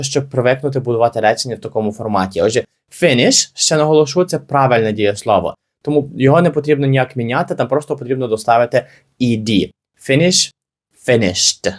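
A man's voice: mid-range voice, fast. A young man teaching English grammar in a video lesson, explaining patiently and repeating key points to reassure beginners.

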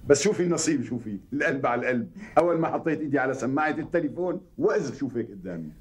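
An actor playing a jovial, effusive middle-aged lawyer who speaks with a Syrian Arabic accent in a TV sitcom. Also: male voice, mid-range voice, animated, rapid-fire, slightly rough. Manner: effusive, teasing. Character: jovial middle-aged male lawyer, warm family friend. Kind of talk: TV sitcom acting.

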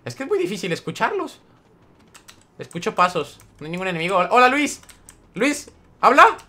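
A man's voice: high-pitched, big pitch swings, moderate pace, sharp tone. A young man streaming a game live, chatting with viewers, greeting them by name and reading the chat aloud. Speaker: gaming streamer.

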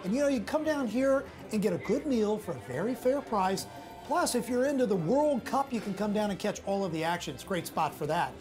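A man's voice: high voice, lively intonation, a little fast. Young guy tv reporter out on location, upbeat, pushy w questions, music under it. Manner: upbeat, confronting. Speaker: restaurant reporter. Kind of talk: TV news field report. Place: outdoors on location and in a restaurant.

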